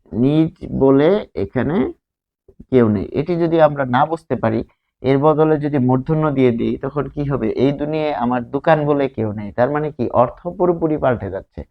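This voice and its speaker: A man with a Bangladeshi Bengali accent teaching a grammar lesson at a whiteboard, explaining slowly, repeating words and asking rhetorical questions. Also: mid-range voice, gravelly, highs cut off.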